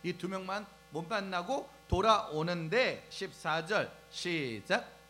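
A man preaching a lively sermon to young people, asking the crowd questions and acting out scenes as he goes. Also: sits high, takes it slowly, poor audio. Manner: animated, asks the crowd questions and acts out scenes. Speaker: preacher at a youth service. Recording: faint music and mains hum behind.

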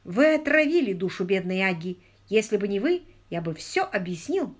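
A woman's voice: mid-range voice, very animated, moderate pace. A woman reading a flustered young husband. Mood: firm.

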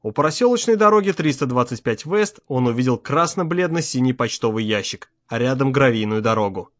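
A man's voice: mid-range voice, lively intonation, a little fast, fairly bright tone, dry recording, studio quality. Man narrating a tense audiobook. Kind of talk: scripted narration.

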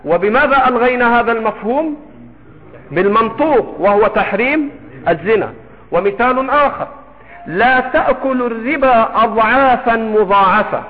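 A man with an Egyptian accent teaches a classical creed text as a sheikh, in a fairly high voice. He moves slowly and emphatically, asking and answering his own questions. It comes through a narrow, phone-like recording with long hall reverb. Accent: Egyptian Arabic. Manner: slow, emphatic explanation with rhetorical questions. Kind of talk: lesson explaining a classical text. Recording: echoey hall over a tinny phone-like line.

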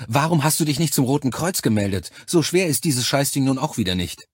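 Man doing a young female soldier, coarse and mannish, husky, dry audiobook sound. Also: mid-range voice, expressive, slow pace, dark tone, dry recording, voice pushed up. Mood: cursing. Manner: blunt, salty, mannish way of talking.

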